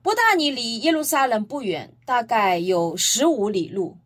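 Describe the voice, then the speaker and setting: A woman's voice: fairly high pitch, moderate pace. A woman preaching a Bible-teaching sermon, retelling scripture emphatically and posing rhetorical questions to her listeners. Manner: emphatic, lively storytelling.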